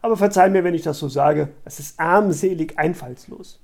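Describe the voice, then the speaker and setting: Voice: mid-range voice, moderate pace, creaky, a little mellow. A reader voicing a polite but condescending schoolboy in a storybook reading.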